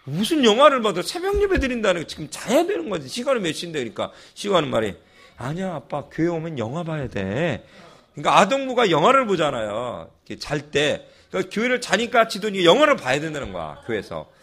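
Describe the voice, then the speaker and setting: A male pastor's sermon turns into a lively storytelling moment. His voice sits slightly high and rides a wide, animated melody. There is a husky grain to it. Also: fast talker, few pauses. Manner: lively storytelling, chuckling asides.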